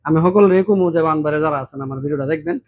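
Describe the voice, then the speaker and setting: A man speaks in a casual vlog monologue, his voice sitting a little high. He talks warmly and keeps sliding into imitations of other regional dialects. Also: quick pace, gravelly, highs cut off. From Brahmanbaria, Bangladesh. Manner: mimics regional dialects, animated and warm-hearted. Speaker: vlogger.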